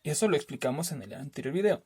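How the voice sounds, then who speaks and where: A man teaching a spelling lesson, explaining slowly, repeating himself and adding little questioning tags to check that his students follow. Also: a little high, animated, a little mellow, slightly rough, no echo, clean studio sound.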